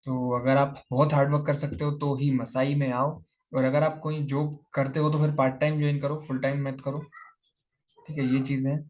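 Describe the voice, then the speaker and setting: A man's voice: medium pitch, little pitch movement, moderate pace, a little mellow. A young man chatting casually on a lavalier mic, answering viewer questions and calling his listeners "brother" and "buddy". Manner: informal, addresses viewers as "bhai" and "yaar". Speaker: YouTuber answering viewer comments. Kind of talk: casual chat.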